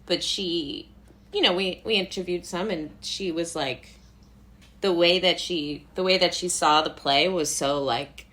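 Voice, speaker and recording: Here a Brooklyn-born playwright, director and actor chats unhurriedly as a guest in an interview, her voice on the low side. Her talk wanders in animated tangents, peppered with "like" and broken up by her own laughter as she cuts herself off.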